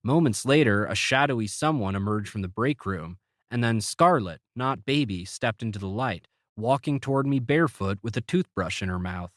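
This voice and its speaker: A man's voice: lowish voice, animated, moderate pace, few pauses, a bit bright, no room sound. A man narrating a novel in the first person, with a wry, dry sense of humor. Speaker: audiobook narrator.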